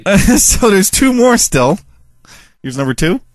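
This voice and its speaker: A man with a high voice, big pitch swings, and a measured pace hosts a radio show, chatting casually, teasing and mocking as he reacts to listener voicemails.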